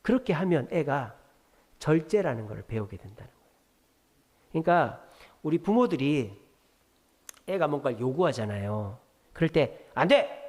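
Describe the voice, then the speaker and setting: A man's voice: on the high side, big pitch swings, moderate pace, pauses often. A man preaching a sermon at a Friday prayer meeting, telling a story and questioning the congregation directly. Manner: storytelling, acts out quoted dialogue in a softer voice. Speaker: pastor.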